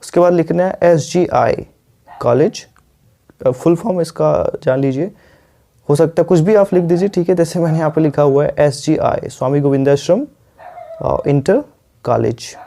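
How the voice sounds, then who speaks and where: A man teaching English in a patient video lesson, often pausing to check with the viewer. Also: fairly high pitch, vocal fry, mellow. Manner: patient, repeats words, frequent "ठीक है" checks.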